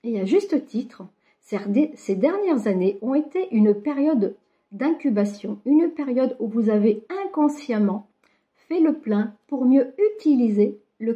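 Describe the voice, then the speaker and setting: Soft-toned woman card reader, dull audio. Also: a little high. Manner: affectionate, encouraging, fillers like "hein" and "donc". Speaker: card reader giving a weekly guidance. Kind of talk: casual spiritual guidance to viewers. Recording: dull lo-fi sound.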